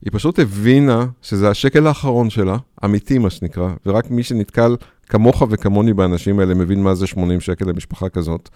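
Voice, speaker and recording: A man in a radio conversation, telling a story in a lively way and acting out the people in it. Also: lowish voice, hardly any pauses, no echo, studio quality. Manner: storytelling, acts out quoted speech.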